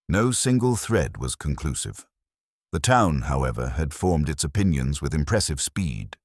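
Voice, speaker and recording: An extremely deep-voiced man tells a scripted mystery tale with plenty of intonation movement and a measured, literary pace. His tone is darkish, and the sound is close and dry, with no room sound at all.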